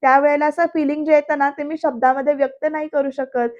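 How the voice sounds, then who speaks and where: A woman's voice: high-pitched, little pitch movement, fast, a little mellow, muffled recording, close to an everyday voice. A woman voicing a teasing, bossy young man who needles his passenger. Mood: needling.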